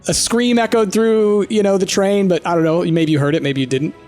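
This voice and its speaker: A man with a high-pitched voice acts as game master, narrating a tabletop roleplaying game in a playful way. Faint music plays behind him. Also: fairly even intonation, a little fast, a little mellow.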